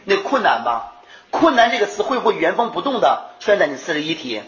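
A man teaching an English exam class in a lively lecture, firing rhetorical questions at the students and answering them himself. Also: high voice, fast. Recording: echoey lo-fi room recording.

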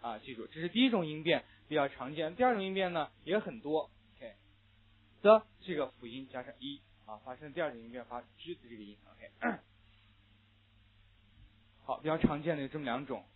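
In muffled, lo-fi audio that sounds like a phone recording, a young man with a fairly high, slightly rough voice lectures a class on English pronunciation, animated and brisk. He walks through sound changes and gets students to echo phrases back.

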